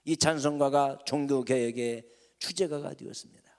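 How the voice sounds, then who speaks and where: A man's voice: mid-range voice, steady tone, moderate pace. Emphatic male pastor in a reverberant hall. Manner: emphatic preaching with rhetorical questions. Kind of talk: sermon. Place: church sanctuary.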